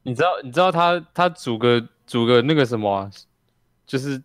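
Excitable man teasing a friend. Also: mid-range voice, a little fast, clear, resonant tone, no echo, studio quality. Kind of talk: casual group chat.

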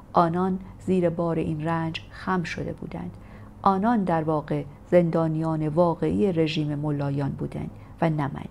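A woman narrating a first-person memoir in a steady, measured audiobook reading. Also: on the low side, a little hiss or hum. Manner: steady, measured storytelling delivery.

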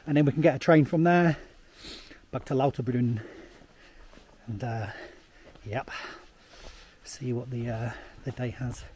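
A man's voice: medium pitch, fairly even intonation, measured pace, long pauses, darkish tone, a little hiss or hum. A man, chatting casually and rambling with lots of fillers while hiking a snowy path, filmed on a camera at arm's length outdoors. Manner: rambling, chatty, laughs often, many fillers. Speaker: travel vlogger. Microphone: camera held at arm's length.

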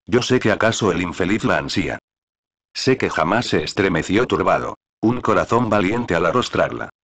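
A man reading the part of a cruel, scheming nobleman in a play, in slow, solemn verse. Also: low-pitched, very animated, a bit bright, heavily acted. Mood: menacing.

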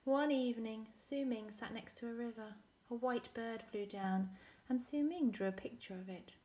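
A woman teacher reading a storybook aloud to children, expressive, often dropping to a whisper and asking questions. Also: fairly high pitch, moderate pace.

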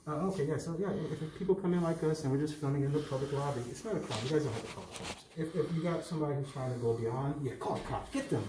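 A man's voice: a little high, rapid-fire, few pauses. A man talking casually as he films on foot around public buildings. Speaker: vlogger filming in public buildings. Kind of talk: casual chat while filming on foot. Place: walking around a civic campus, outdoors and in a public lobby. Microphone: handheld camera mic. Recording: clearly noisy handheld camera audio, outdoor ambience.

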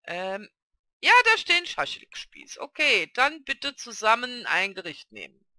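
A woman's voice: fairly high pitch, sing-song, unhurried, sharp tone, no room sound, studio quality. A woman casually commenting on her own gameplay, chatty and coaxing, talking to her game characters like children. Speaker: let's play gamer.

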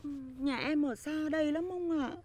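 A woman's voice: sits high, normal speed, a little mellow, no echo, natural voice. An actress playing a coy, wheedling young woman who claims to feel dizzy, in a comedy film. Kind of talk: comic film acting.

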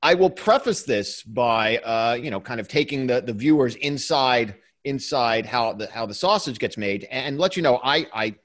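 Man, podcast co-host, middle-pitched, rambling casual chat with chuckles, basement home studio. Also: lively intonation, normal speed, hardly any pauses, fairly bright tone. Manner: rambling, with frequent restarts and chuckles.

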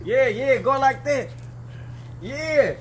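A man's voice: very high voice, expressive, takes it slowly. A man watching a friend's challenge, teasing and chuckling. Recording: noisy background.

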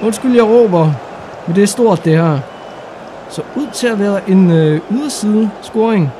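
A young Danish man commenting on his own football game playthrough, excitable and casual, shouting at big moments. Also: sits high, background noise. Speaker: gaming YouTuber. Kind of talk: excited let's-play commentary.

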